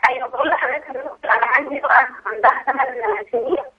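A woman's voice: sits high, rapid-fire, husky. Egyptian woman on a glitching phone line. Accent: Egyptian Arabic. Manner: hesitant, many fillers, asks if she is heard. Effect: glitching, breaking-up phone audio. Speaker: caller to a parenting advice show.

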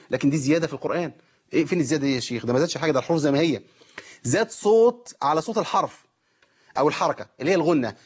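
Husky, fast-talking Egyptian man teaching. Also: fairly high pitch. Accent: Egyptian Arabic. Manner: explains with rhetorical questions, demonstrates recitation. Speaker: Quran recitation teacher. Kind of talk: tajweed lesson.

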